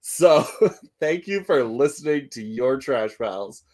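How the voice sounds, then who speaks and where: A man's voice: medium pitch, animated, slow, a little mellow. Guy co-hosting a podcast, takes his time, rambly and self-deprecating, laughs a lot. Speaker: podcast co-host. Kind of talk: casual chat.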